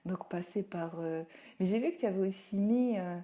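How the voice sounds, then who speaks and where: A woman's voice: medium pitch, moderate pace, warm tone. A woman answering viewers' questions on a Facebook live, giving chatty parenting advice with many fillers and acting out what she says to children. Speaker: parenting coach and teacher. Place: at home.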